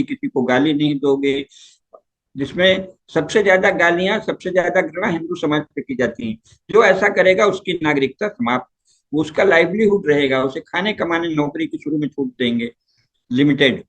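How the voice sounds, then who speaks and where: An older man, a scholar in a discussion, speaking in an emphatic, animated lecturing way. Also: on the high side, poor audio. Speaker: guest scholar.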